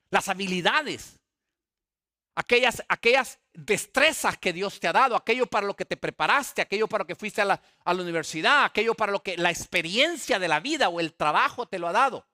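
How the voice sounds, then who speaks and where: High, lively-voiced man preaching. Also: fairly quick. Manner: animated preaching with rhetorical questions and acted dialogue. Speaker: pastor. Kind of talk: sermon.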